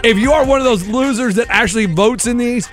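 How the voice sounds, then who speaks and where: A man's voice: extremely high pitch, a little fast, music in the background. A man co-hosting a sports talk show, giving opinionated, lecturing rants to listeners. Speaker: co-host. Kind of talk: casual sports radio chat.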